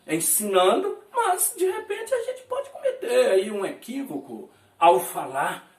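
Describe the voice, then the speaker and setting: Lively male teacher in an echoey room. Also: fairly high pitch, far from the mic. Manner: lively, repeats tag questions like "né?" and "viu?"; says English examples slowly and carefully. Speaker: English teacher. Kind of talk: casual online lesson.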